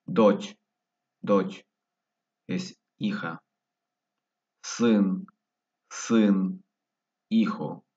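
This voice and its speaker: A man's voice: low-pitched, fairly even intonation, extremely slow, pauses often, a little mellow. A man teaching a vocabulary lesson, patiently repeating each word several times. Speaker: language teacher. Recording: dull, distant mic.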